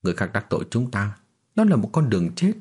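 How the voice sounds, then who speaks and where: A cold, self-assured young swordsman from a martial fantasy audiobook, as a male narrator puts him on. His low, husky voice swings widely as he mocks his enemies with calm scorn. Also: quick pace. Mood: coldly smug. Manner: calm, mocking, cold laughter. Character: cocky young male martial prodigy, coldly smug.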